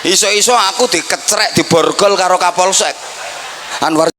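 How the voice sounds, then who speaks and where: Male preacher with a Javanese accent, comic sermon, bright and forceful tone, teasing and playful. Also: high voice, normal speed, gravelly, a little hiss or hum. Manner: playful, acts out greetings in mock voices. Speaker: Islamic preacher. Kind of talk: humorous sermon.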